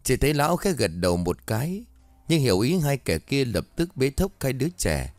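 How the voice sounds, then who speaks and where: A man narrating a horror story in a measured, dramatic scripted way. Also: mid-range voice, big pitch swings, a little mellow, no room sound.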